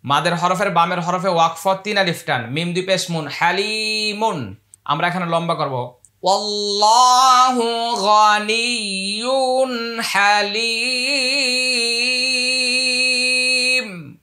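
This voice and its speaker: A man teaching Quran recitation, chanting verses slowly and spelling out the rules between them. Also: high-pitched, bright, forceful tone. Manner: slow drawn-out chanting of Arabic verses, then brisk spelled-out explanation.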